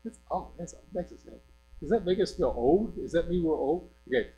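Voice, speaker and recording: An older man gives a loose, conversational sermon in a church. His voice is mellow and relaxed. He wanders between stories and keeps checking that his listeners follow, with a faint electrical hum behind him. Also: on the high side, fairly quick, muffled recording. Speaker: preacher. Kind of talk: informal sermon.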